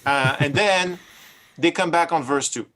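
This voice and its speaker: A man's voice: on the high side, a little slow, bright, forceful tone, rough recording. A man talking casually as a producer in a studio session, explaining his ideas in a hesitant, circling way. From Brooklyn. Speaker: music producer directing a session. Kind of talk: casual collaborative studio talk.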